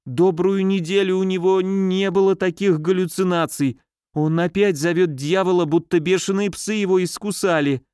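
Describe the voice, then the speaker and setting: A man's voice: animated, moderate pace, darkish tone, dry recording, clean studio sound, lightly acted. A man reading an audiobook, voicing a fussy, easily frightened middle-aged woman nurse who talks in a mincing, scolding way. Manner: mincing, scolding, shrill when scared.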